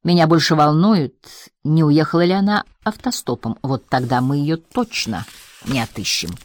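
Woman doing a deep-voiced weary male agent. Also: animated, normal speed, no room sound. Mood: flat. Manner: mesmerizing, deep delivery. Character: sonorous low-voiced tired male agent.

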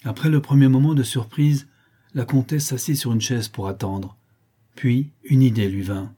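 Male audiobook narrator, dark mellow tone, slightly husky, measured expressive storytelling. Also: mid-range voice.

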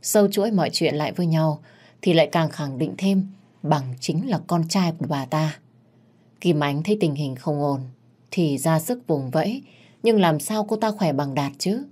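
A woman narrating a family drama in the first person, in a plain, steady way. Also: low-pitched, moderate pace. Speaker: storyteller.

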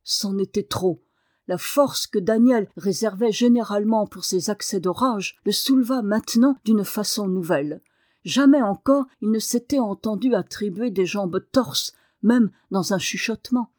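Woman reading a story out loud, expressive, mid pitch, dry close sound. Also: measured pace, no room sound. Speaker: audiobook narrator. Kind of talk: scripted narration.

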